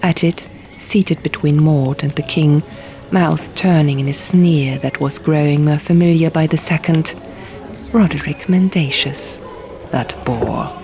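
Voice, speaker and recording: Reading literary fiction aloud as an audiobook narrator, a woman tells the story in the first person. Her voice is low, slightly slow, and warm, set against music and sound effects.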